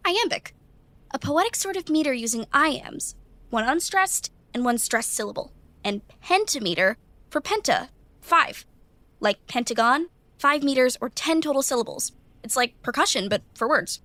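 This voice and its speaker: Molly, a high, know-it-all schoolgirl. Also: animated, pushed and bright, dry recording. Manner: quick, know-it-all explaining. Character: bright, eager teenage schoolgirl.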